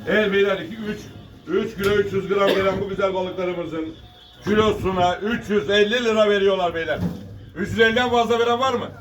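This fish auctioneer's voice is high and fairly quick, captured with lo-fi sound as he chants weights and prices in a repeating sing-song call for bids. Birds coo around a noisy market, picked up on a distant microphone.

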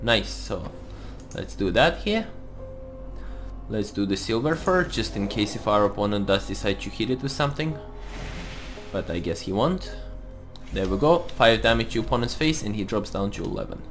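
A man with a slightly deep voice gives casual gameplay commentary. He thinks aloud as he goes, with faint music underneath. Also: expressive, moderate pace, a bit bright. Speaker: host of a card game let's play series.

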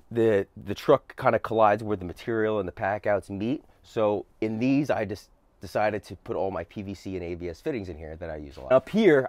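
A young man from New Jersey, a plumber, casually showing off his work van, relaxed and chatty with many fillers. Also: medium pitch, dry recording. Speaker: plumber giving a van tour. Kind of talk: casual show-and-tell. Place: inside and beside a work van, outdoors.

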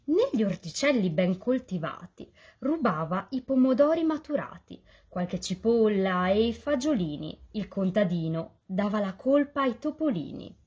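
A woman reading a rhyming children's story aloud as a volunteer reader, in a lively, sing-song delivery. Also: medium pitch, unhurried, hardly any pauses, husky.

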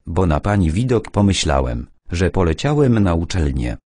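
A clumsy but cheerful visitor from an audiobook, cracking jokes in good humor, as a male narrator voices him. The voice is low and husky, with a lively pitch. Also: normal speed, no room sound, studio quality. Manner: witty, cheerful.

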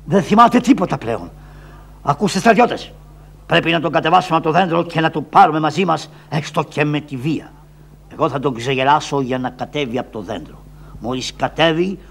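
A man's voice: fairly high pitch, animated, vocal fry, a bit bright, exaggerated voice. A man voicing Odysseus, a commanding heroic captain in a shadow-puppet play, declaiming orders solemnly. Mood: commanding, worried. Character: Odysseus, grown male hero and commanding captain. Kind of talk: traditional shadow-puppet theatre voice.

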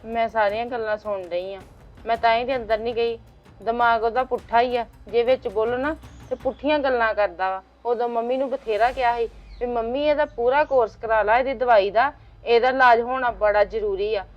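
A woman's voice: fairly high pitch, a little fast, highs cut off, faint music behind, close to an everyday voice. A woman playing a blunt, indignant sister-in-law who complains at length about a troubled relative. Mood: complaining. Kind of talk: Punjabi web drama acting.

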